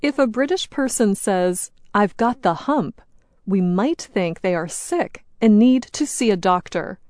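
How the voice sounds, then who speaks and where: A middle-aged woman with an American accent reads an educational script at an unhurried, careful pace. Her voice sits in a middle register, and every word comes through clearly. The recording is close and dry, with no room sound. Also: medium pitch, animated, a little mellow, no room sound. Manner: slow, clear and deliberate. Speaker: program host.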